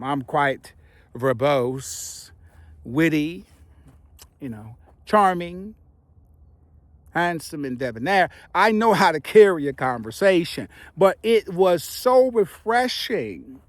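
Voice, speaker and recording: A middle-aged man giving casual, playful relationship advice to viewers, speaking emphatically with dramatic pauses and slightly impeded by the retainers he is wearing. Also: a little high, dry recording.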